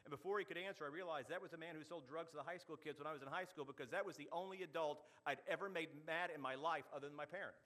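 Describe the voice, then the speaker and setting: Middle-aged man, club speaker, quick-talking, bright forceful tone, storytelling speech. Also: a little high. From Oklahoma. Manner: animated storyteller, quick delivery with punchy asides. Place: meeting hall.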